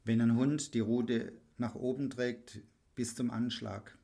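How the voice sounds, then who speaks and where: A man working as a dog trainer, talking bluntly and emphatically in a casual podcast chat, acting out his clients in quick back-and-forth. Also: medium pitch, little pitch movement, gravelly, mellow.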